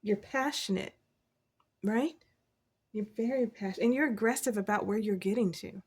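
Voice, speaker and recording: A woman giving a casual, encouraging tarot reading from her desk, chatty and quick to laugh. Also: mid-range voice, a little mellow, husky. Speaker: tarot reader.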